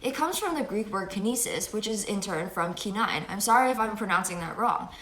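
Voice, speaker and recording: Seated in a small, echoey room with window blinds, a fifteen-year-old host talks through physics in an upbeat, self-deprecating, chatty manner, filmed chest-up by a fixed camera. She speaks a little fast with a medium pitch, lively intonation and a fairly bright tone.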